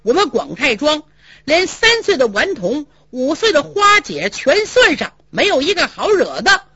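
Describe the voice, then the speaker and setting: A woman's voice: high-pitched, very animated, a little slow, sharp tone, no room sound, dull audio, pitched above the performer's own voice, exaggerated voice. A woman voicing a proud, fierce local man who scorns and threatens in a traditional storytelling performance. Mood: scornful.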